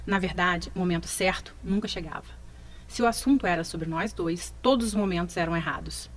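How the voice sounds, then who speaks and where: A woman in her thirties reading a scripted first-person story in a slow, sorrowful, confessional way. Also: fairly low pitch. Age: 30s.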